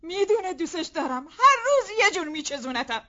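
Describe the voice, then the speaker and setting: A high-voiced distraught wife. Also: female voice, big pitch swings, sharp tone, exaggerated voice. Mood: pleading. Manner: pleading, emotional, given to outbursts. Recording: dull lo-fi TV drama sound.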